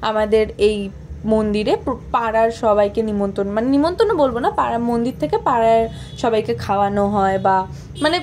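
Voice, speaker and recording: A woman's voice: a little high, moderate pace, a little mellow, a little hiss or hum. A young woman narrating her own vlog in a chatty, playful, self-mocking voice-over. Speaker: vlogger.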